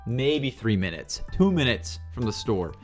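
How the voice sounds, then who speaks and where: A man's voice: very animated, a little slow, soft background music. A man streaming a building game, telling rambling stories in a loose, casual way and often correcting himself mid-sentence. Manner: rambling, self-correcting, swings into high mimicry. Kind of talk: casual storytelling while playing.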